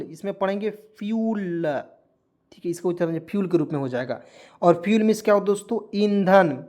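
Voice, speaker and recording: A male teacher records an online video lesson. He has a patient, steady classroom manner. He spells words out, repeats them, and keeps putting questions to his viewers. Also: high-pitched. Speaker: English teacher.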